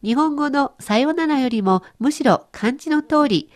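A woman's voice: high-pitched, a little slow. A woman presenting a radio language lesson, explaining cheerfully. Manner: cheerful explaining, lively intonation. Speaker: language teacher.

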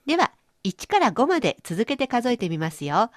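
A language teacher hosts a radio-style lesson, explaining pronunciation through playful everyday images. Her voice is fairly high and very animated, at a normal speed. The recording is studio quality with no room sound.

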